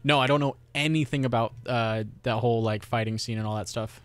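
A man's voice: mid-range voice, fairly even intonation, brisk, clean tone, dry recording. A rambling, cursing young man streaming a game. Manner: profane, rambling, talks to himself and the game. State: sore throat. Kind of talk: casual live gameplay commentary.

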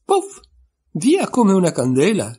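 A man's voice: high voice, wildly swooping pitch, unhurried, warm tone, slightly rough, voice pushed up, exaggerated voice. A man doing Tweedledum, a pompous quarrelsome twin. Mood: contemptuous. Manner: contemptuous, emphatic.

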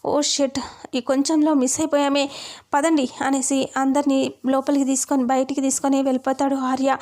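A woman with a high voice narrates a serial recap in a casual, spoken way. Her tone stays fairly level. She reads out the characters' lines herself without changing her voice much, pausing and restarting as she goes. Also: level tone, darkish tone. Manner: retells scenes, voicing quoted lines lightly, with fillers and restarts.

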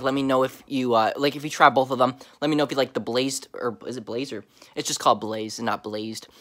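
A man's voice: mid-range voice, a bit bright. A young man vlogging a snack taste test from his home basement, talking in laid-back slang and chewing as he goes.

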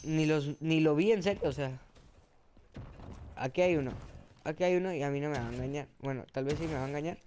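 A man with a fairly high voice and a put-on Spain Spanish accent, commentating his own gameplay live. He exclaims at every kill and death and mocks himself between rounds. A faint hiss sits under his voice. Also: a little fast, pauses often. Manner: excitable, exclaiming, self-mocking. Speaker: gaming channel host.

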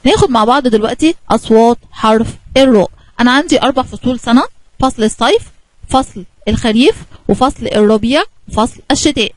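A woman with an Egyptian Arabic accent, teaching a kindergarten lesson in a lively, coaxing way and asking the children questions. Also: fairly high pitch, fast, dry recording, rough recording.

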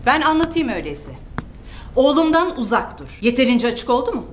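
High-voiced stern mother. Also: big pitch swings, a little fast, slight background noise. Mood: hostile, scornful. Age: middle-aged. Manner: sharp, sarcastic, commanding. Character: stern, protective, scornful upper-class mother. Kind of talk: TV soap opera acting. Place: indoors, living room. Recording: echoey room, loud music score underneath.

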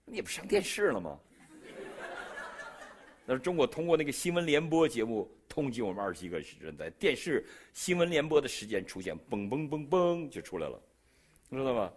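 A middle-aged preacher from China, speaking with a Beijing accent, delivers his testimony in a sermon. He's a fast talker with a husky voice, animatedly acting out dialogue with sudden shifts in pitch and loudness.

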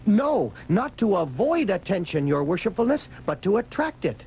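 Smooth-talking cartoon magician, grovels grandly, gravelly edge. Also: male voice, high-pitched, moderate pace, slight background noise, full character voice. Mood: flattering. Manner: grandiose, fawning flattery. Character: boastful young male magician Pindar, flattering and quick-witted. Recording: dull old cartoon soundtrack with loud music.

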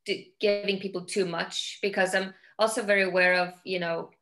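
A woman's voice: medium pitch, level tone, moderate pace, fairly bright tone. Thoughtful Icelandic woman on a video call. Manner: thoughtful, repeats words while searching for phrasing. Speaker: film director. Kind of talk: casual video-call conversation. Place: home room with large windows.

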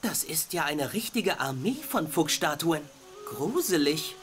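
Curious young boy, lively intonation. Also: low voice, measured pace. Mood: curious, musing. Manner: wondering, hesitant, thinking aloud. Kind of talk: video game character acting. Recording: loud game music underneath.

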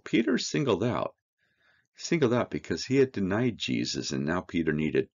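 A man teaching a verse-by-verse Bible study, reading scripture aloud and explaining it with slow, earnest emphasis. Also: extremely low pitch, dull audio.

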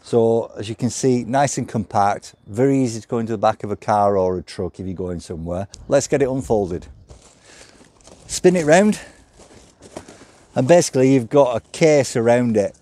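A man with a medium-pitched, dark-toned voice speaking at normal speed gives a hands-on product demonstration. Handling the cart outdoors on a gravel yard near a stone house, he walks through every step in a practical way.

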